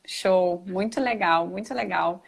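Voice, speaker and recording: A woman's voice: fairly low pitch, a little slow, gravelly, a crowd in the background. Enthusiastic woman hosting a live stream. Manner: enthusiastic, affirming. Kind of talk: casual chat.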